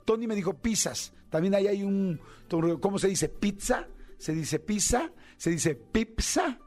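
A man's voice: high voice, normal speed, dark tone, faint music behind. A man with a Mexican accent hosting a radio show, chatting casually and joking, rambling with fillers as he thinks aloud. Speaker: radio host. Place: radio studio.

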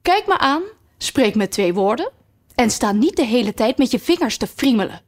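A woman's voice: a little high, big pitch swings, normal speed. A woman reading aloud voices a haughty, commanding queen who gives strict orders in a storybook. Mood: imperious.

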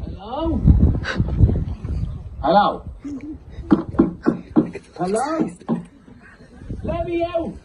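A man calling out and pleading, his voice muffled as if shut inside a closed box, from a noisy phone recording played back. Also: very high-pitched. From Ireland. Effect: muffled voice from inside a closed box, like a coffin.

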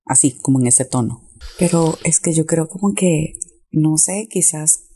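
A woman telling a playful personal story, giggling often and speaking in a soft, flirty way. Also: low voice, a little slow, a little hiss or hum. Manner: giggly, laughs often while talking. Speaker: storyteller sharing a confession. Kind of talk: playful storytelling with quoted dialogue.

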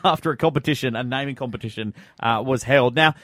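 An Australian man co-hosting a radio show, chatting casually in a jokey, teasing, expressive way. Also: mid-range voice, fast talker, no echo, clean studio sound. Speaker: radio co-host. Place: radio studio.

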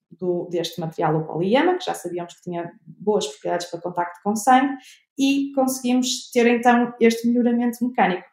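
A woman's voice: mid-range voice, a little mellow, reverberant. A young woman with a European Portuguese accent, a researcher answering interview questions, hesitant with many fillers and restarts. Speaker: researcher guest.

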